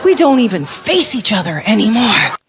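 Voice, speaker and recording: A woman doing stand-up, exasperated and profane, swooping up high for her punchlines, over a laughing club crowd. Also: big pitch swings, moderate pace, heavy background noise. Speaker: stand-up comedian. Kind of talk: stand-up storytelling. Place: comedy club stage. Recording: live club recording with loud crowd. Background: loud audience laughter.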